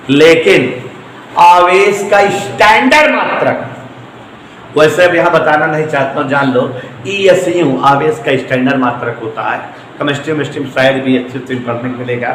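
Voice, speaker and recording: A man's voice: a little high, a bit bright. A male physics teacher giving a classroom lecture to students, repeating key points with emphasis and joking asides. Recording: echoey room with long reverb, faint noise.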